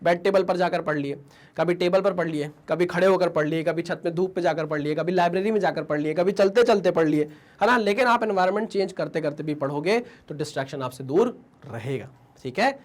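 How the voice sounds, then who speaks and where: A man with a high voice coaches students on exam preparation. He speaks conversationally and motivationally. He leans on tag questions and briefly acts out inner voices. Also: brisk. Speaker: exam-prep teacher. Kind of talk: motivational study advice.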